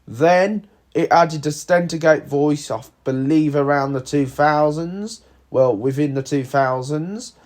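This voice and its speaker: A man's voice: a little high, slow pace, a little mellow. A man hosting a video with casual, slightly hesitant, plain-spoken voice-over narration. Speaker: video host.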